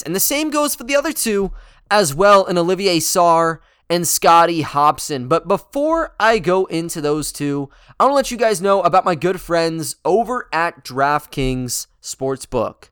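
Male sports podcast host, slightly high-pitched, crisp tone, informal basketball commentary, dry recording. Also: a bit bright, no room sound. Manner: conversational, informal. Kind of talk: casual basketball commentary with a sponsor read.

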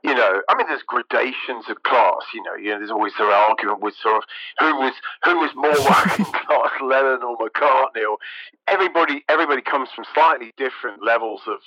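A middle-aged music journalist, appearing as an interview guest, talks casually in a thoughtful, hesitant way, often restarting sentences. His mid-range voice runs a little fast, and the recording is dry and muffled.

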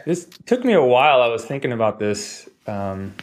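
A physical therapist in his forties tells stories casually as a guest in a podcast interview, rambling and digressing with jokey asides. His mid-range voice swings widely in pitch, and he talks at a moderate pace.

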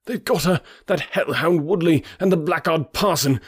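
Man acting a frantic, high-pitched desperate ally. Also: normal speed, husky, no room sound, clean studio sound. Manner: exclamatory, urgent. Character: frantic, desperate male ally, loud and urgent.

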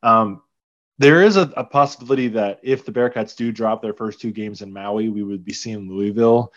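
A man's voice: fairly low pitch, moderate pace, fairly bright tone. A male podcast co-host chatting casually about sports with a hesitant, rambling delivery. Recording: slightly dull, lo-fi audio.

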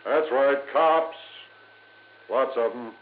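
An actor playing a commanding, taunting police lieutenant in a vintage radio drama, curt and authoritative. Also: male voice, mid-range voice, slow pace, reverberant, natural voice. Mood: stern, taunting. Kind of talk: 1950s-60s radio drama acting. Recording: noisy vintage radio, narrow band.

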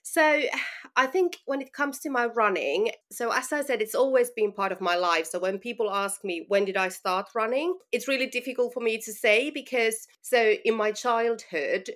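Bright-voiced Finnish woman, chatty guest. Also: a little high, normal speed. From Finland. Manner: chatty, many "um" and "you know" fillers. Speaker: guest, running brand founder. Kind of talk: casual interview conversation.

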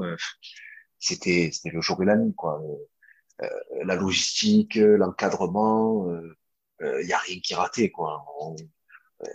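A young former footballer, appearing as an interview guest, tells a story in an animated, loose and chatty way, often hesitating with fillers and restarting sentences while keeping the story going. His voice is on the low side and slightly husky, and the recording is muffled.

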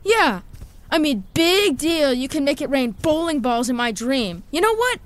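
A woman's voice: sits high, sing-song, no room sound. A woman voicing a defiant, anxious young boy who talks back to a villain in an audio drama. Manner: defiant, anxious, quick retorts.

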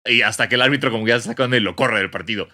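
A young podcast co-host with a Mexican accent races along in a medium-pitched voice, telling stories in slangy, animated, casual chat.

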